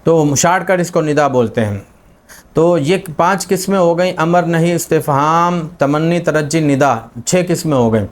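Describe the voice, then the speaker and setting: A man teaching a grammar lesson, explaining patiently with many examples and fillers. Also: fairly high pitch. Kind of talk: spoken lesson on Arabic grammar.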